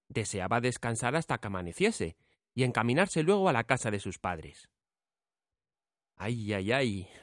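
A man narrating a fairy tale in an expressive storytelling manner. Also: mid-range voice, no echo, studio quality.

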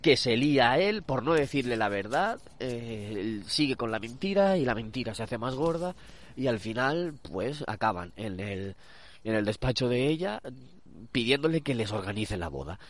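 A podcast host with a Castilian Spanish accent chats casually while out walking his dog, recommending something. His medium-pitched voice swings widely in pitch at a normal speed, sounding nasal and congested from a cold. He rambles, hesitates and keeps correcting himself.

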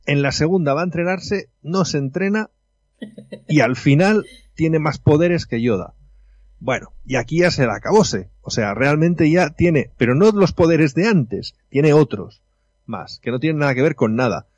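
A man in a casual film discussion, talking in an animated, indignant, informal way. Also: on the high side, moderate pace, no echo, dull audio. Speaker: film commentator.

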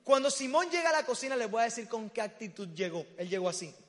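A young man preaches in a lively storytelling way, acting out voices and shouting at the funny parts. His voice is high and bright. A long reverb fills the hall around him. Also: fast talker. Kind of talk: storytelling sermon.

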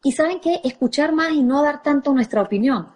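A woman's voice: sits high, expressive, a little fast, darkish tone. A woman parenting coach, speaking expressively and directly to a live audience.

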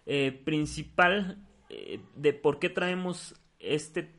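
A man's voice: on the high side, animated, drawn-out words, a crowd in the background. A man co-hosting a podcast in casual chat, with a hesitant way of talking full of fillers and restarts. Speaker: podcast co-host.

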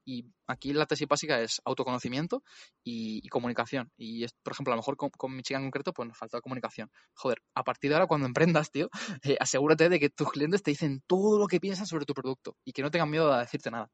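A man in his twenties with a Castilian Spanish accent, speaking as an entrepreneur guest in a casual, slangy, animated interview chat. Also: medium pitch, fast talker, no room sound. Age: 20s.

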